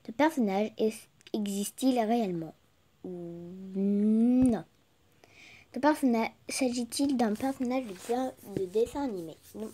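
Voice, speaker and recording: A woman's voice: medium pitch, dark tone. A young French woman playing a guessing game on camera, reading its questions aloud and answering them herself in a casual vlog.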